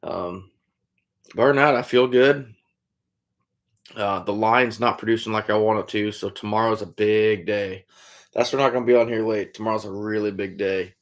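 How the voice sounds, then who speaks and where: Dude on a live stream, kinda low voice, easygoing, calls everyone buddy. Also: male voice, steady tone, brisk. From Iowa, USA. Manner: laid-back, calls chatters "buddy", trails off with "I don't know". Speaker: trapper hosting a live stream. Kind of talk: casual live-stream chat answering viewers.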